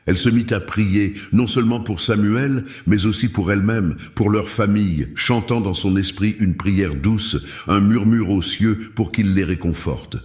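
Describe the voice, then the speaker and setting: A man giving a suspenseful, scripted narration of a dark story. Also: fairly low pitch, a little slow, few pauses. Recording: roomy echo.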